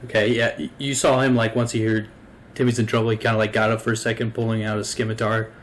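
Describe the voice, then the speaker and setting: A man's voice: fairly low pitch, flat delivery, quick pace, a little hiss or hum. A man narrating a tabletop game as game master, casual and full of fillers. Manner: casual, hesitant, many fillers.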